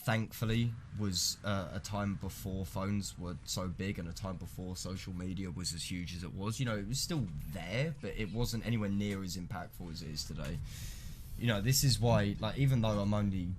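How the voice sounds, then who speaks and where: Young man, British accent, lowish voice, casual game-stream chat, matey, sweary, rambling, noisy backdrop. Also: normal speed.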